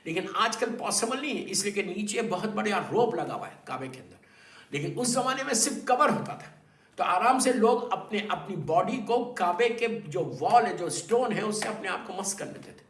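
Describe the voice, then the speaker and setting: A man's voice: high voice, animated. Impassioned preacher man in an echoey room. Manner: impassioned, swings from hushed storytelling to loud emphatic urging; mixes English words and phrases into the sermon. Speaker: Islamic preacher. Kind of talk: Urdu sermon. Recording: echoey, from a distance, faint noise.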